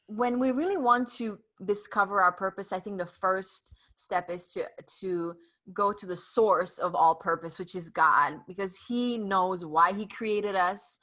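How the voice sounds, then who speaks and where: A woman from Romania whose first language is Hungarian, telling her story in a relaxed interview chat. Her voice is bright and clear at a middle pitch. She talks earnestly and with lively energy, filling pauses with "um" and "like". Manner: earnest, animated storytelling with frequent fillers. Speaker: podcast guest, author.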